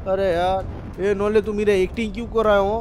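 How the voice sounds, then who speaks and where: Joking male co-player, high voice, faint noise behind. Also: flat delivery, fairly quick, darkish tone. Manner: joking, name-calling. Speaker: fellow player.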